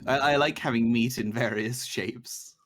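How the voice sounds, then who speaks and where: A man's voice: mid-range voice, moderate pace, fairly bright tone, a little hiss or hum. A man doing casual, dry, joking commentary on a game stream.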